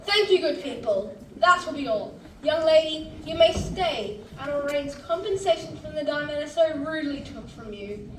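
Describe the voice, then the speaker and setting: Woman as high-voiced, showy French gentleman scientist, echoey. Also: expressive, normal speed, a little hiss or hum. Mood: courteous. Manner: grand, formal, declamatory. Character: showy French male scientist presenting an experiment. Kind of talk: stage musical acting, theatrical presentation. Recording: distant, echoey stage recording with music.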